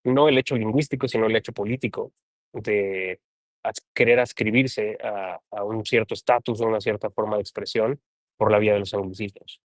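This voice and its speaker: A Mexican man with a lowish voice talks as a guest in a casual conversation. He thinks aloud, qualifies his ideas and often tags his sentences with a soft question. The sound is dry and close. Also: steady tone, normal speed, dry recording. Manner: thoughtful, hedging, often adds a questioning tag. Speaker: translator and guest.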